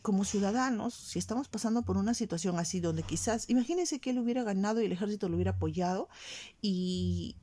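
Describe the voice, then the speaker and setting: A Peruvian woman vlogger speaking in a mellow, darker tone at an ordinary pitch. She talks with an indignant, emphatic edge and repeats phrases to press her point. Her Peruvian Spanish accent runs through her casual commentary. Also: fast talker. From Peru. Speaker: shopping vlogger. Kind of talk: casual commentary on current events.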